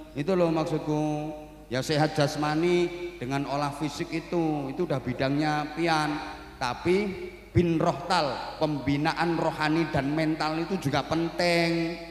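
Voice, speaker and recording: A middle-aged man with a Javanese accent giving a humorous sermon as a preacher, telling animated stories and mimicking characters. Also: a little high. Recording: echoey hall with long reverb.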